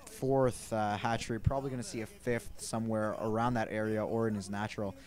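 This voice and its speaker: A man casting a strategy game match in a loose, chatty play-by-play style, with frequent filler words and bursts of excitement. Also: lowish voice, fairly quick. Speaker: esports caster. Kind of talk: casual play-by-play commentary.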